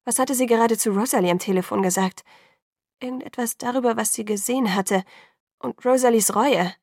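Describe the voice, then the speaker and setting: A woman narrating an audiobook in the first person, measured and sometimes hushed. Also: on the high side, dry recording, studio quality.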